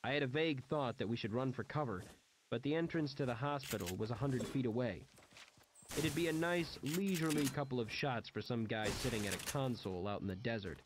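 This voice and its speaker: A man's voice: mid-range voice, a little fast. Man narrating a wry first-person story. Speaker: audiobook reader. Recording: noisy background hiss.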